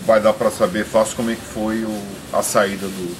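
A man's voice: fairly low pitch, level tone, normal speed. A man in his fifties with a São Paulo Brazilian accent, a restaurant owner earnestly explaining to a reporter outdoors, rambling with restarts. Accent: Brazilian Portuguese, São Paulo. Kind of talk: on-the-spot interview. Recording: noisy outdoor field recording.

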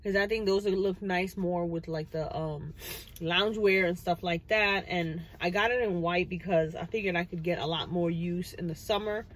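A woman's voice: on the low side, fairly even intonation, moderate pace, poor audio. A woman in her thirties talking casually from inside her car, rambling with plenty of fillers. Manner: chatty, rambling, many fillers. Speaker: vlogger. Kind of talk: casual chat. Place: parked car, indoors. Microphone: phone camera on the dashboard.

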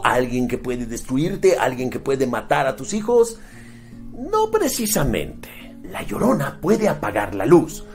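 A man with a Mexican accent giving a mocking, exasperated movie review, swearing freely. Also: mid-range voice. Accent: Mexican Spanish. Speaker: film critic. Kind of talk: sarcastic movie review rant.

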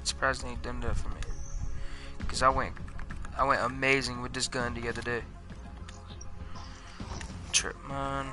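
A man's voice: medium pitch, little pitch movement, unhurried, pauses often. A young man chatting while gaming, laid-back and teasing his friends. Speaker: gamer. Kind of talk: casual gaming chat. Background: faint game music.

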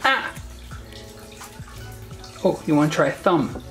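Excitable self-mocking young man vlogger. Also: a little high, slow, faint music behind. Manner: excitable, self-mocking, yelping when bitten. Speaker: turtle-keeping video creator. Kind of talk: casual vlog talk.

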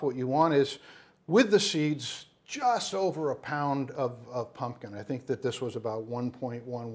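A man in his fifties, a spice shop owner, giving a casual cooking demonstration in a studio kitchen on a lapel mic, full of fillers and restarts. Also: medium pitch. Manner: rambling, many fillers and restarts. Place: studio kitchen set, indoors.

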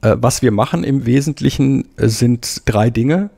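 A middle-aged man from Germany talks through his legal career in a calm, explanatory way. His voice is gravelly and dark, and he often pauses on hesitation fillers. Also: mid-range voice. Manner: measured, explanatory, frequent "äh" fillers. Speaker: EU Commission lawyer, guest. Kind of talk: explanatory interview talk.

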